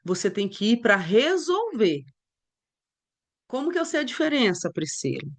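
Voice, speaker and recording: Woman teaching bible stuff, chatty and lively, acts out conversations. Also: fairly high pitch, normal speed. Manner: conversational, animated storytelling with acted dialogue.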